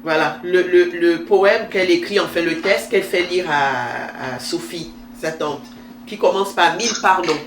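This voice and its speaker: Female book-show host, thin reedy nasal tone, halting and repetitive, recorded in an echoey room away from the mic. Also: fairly low pitch. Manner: halting, repeats phrases for emphasis. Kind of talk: unscripted book discussion. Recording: roomy echo, distant mic, faint noise.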